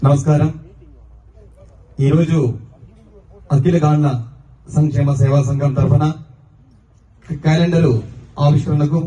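Dark, flat-voiced man giving a formal greeting. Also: fairly high pitch, a little slow, pauses often. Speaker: speaker at a community gathering. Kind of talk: formal address. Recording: echoey hall from far off.

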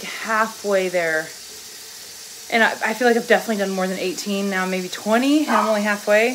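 A woman in her thirties talks through what she is doing in a casual vlog at home. Her speech is colloquial and loosely sweary, at a middling pitch. The room rings noticeably, with clear noise behind her. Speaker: vlogger. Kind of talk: casual vlog chat, thinking aloud. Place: indoors at home, kitchen and other household rooms. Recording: echoey rooms with clear background noise.

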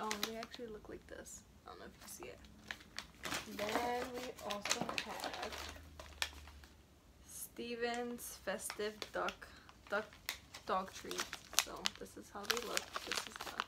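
Slow-talking young woman, noisy recording. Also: medium pitch. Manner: rambling, offhand, trails off mid-sentence. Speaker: vlogger. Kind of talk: casual unboxing chat.

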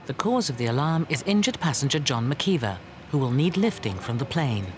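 A man's voice: mid-range voice, big pitch swings, brisk, music in the background. A man reading scripted documentary narration. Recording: clear background location noise.

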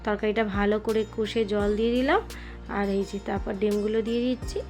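A woman's voice: medium pitch, fairly even intonation, fast, darkish tone, faint music behind. A woman in her thirties chatting casually in a voice-over about her cooking and housework, rambling and losing her train of thought. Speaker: home cooking vlogger.

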